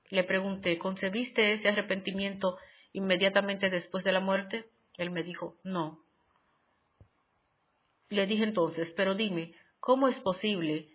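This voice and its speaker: A narrator reading a spiritual diary aloud in a measured, solemn, devotional way with long pauses. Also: mid-range voice. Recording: tinny phone-like sound.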